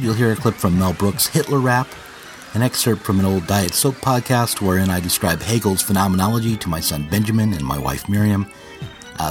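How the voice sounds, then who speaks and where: A man hosting a podcast, reading a scripted introduction and then chatting loosely with his guest, often halting. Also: lowish voice. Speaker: podcast host and publisher. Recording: faint music under the intro.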